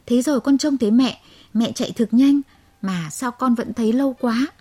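A woman's voice: a little high, moderate pace, mellow, natural voice. A woman voicing a naughty young boy frog who skips school, with a childish, whiny way of talking. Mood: pained plaintive.

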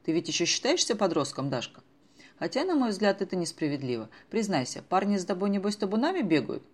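A woman voicing a cheerful, reckless grown woman who teases and exclaims loudly in an audiobook. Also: mid-range voice, very animated, fast. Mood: teasing. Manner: loud, exclamatory and teasing. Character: merry, reckless grown woman, mother's friend.

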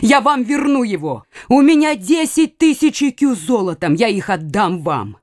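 A woman's voice: fairly high pitch, sing-song, moderate pace, no echo, studio quality. A woman voicing an old father who is a moneylender, pleading and wailing in a storybook reading.

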